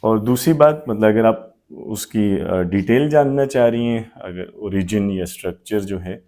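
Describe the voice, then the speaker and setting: A man's voice: fairly low pitch, expressive, dark tone. A man teaching Arabic grammar in a live online class, patiently explaining with many examples.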